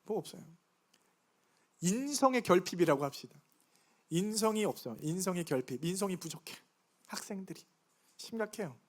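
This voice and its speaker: A middle-aged man preaches a Sunday sermon in a church, his voice sitting fairly high. He talks in a chatty, conversational way and keeps throwing questions to the congregation. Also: animated, normal speed, long pauses. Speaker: pastor. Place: church sanctuary.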